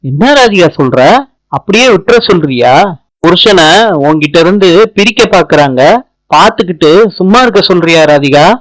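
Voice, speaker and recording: A man's voice: on the high side, animated, moderate pace, no echo, lightly acted, rough recording. A man reading the lines of an angry, scheming middle-aged mother-in-law in a scolding, indignant way.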